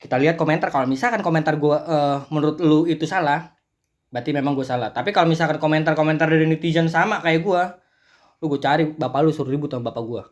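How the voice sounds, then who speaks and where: The host of a reaction channel, a man from Central Java, Indonesia, speaks fast in a highish voice. He rants casually and swears a lot while mocking the clips.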